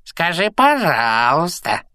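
A man voicing a mischievous, spiteful male poltergeist with a cackling, drawn-out, screeching manner in an audiobook. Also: a little high, huge pitch swings, pushed and bright, no echo, studio quality, pitched above the performer's own voice, full character voice. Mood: gloating. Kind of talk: audiobook reading.

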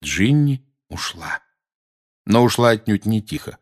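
A man's voice: lowish voice, sing-song, unhurried. A man narrating an audiobook expressively, giving each character a voice. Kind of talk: audiobook reading.

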